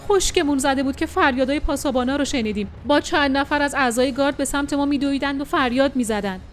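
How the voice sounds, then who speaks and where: A woman narrating an adventure story in the first person, with expressive, dramatic delivery. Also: sits high. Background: faint music.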